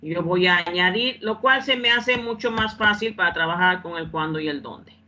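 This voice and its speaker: A woman's voice: lowish voice, normal speed, pushed and bright, muffled recording. A woman teaching English in Spanish in an online class, repeating phrases and often checking that students follow.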